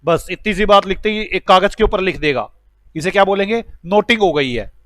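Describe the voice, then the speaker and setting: Male teacher, high voice, acts out a story and keeps asking the class if they follow. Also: lively intonation, fairly quick, fairly bright tone, dry recording. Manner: acts out a story with quoted dialogue, checks understanding with questions. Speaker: accounts teacher. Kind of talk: classroom lecture told as a story.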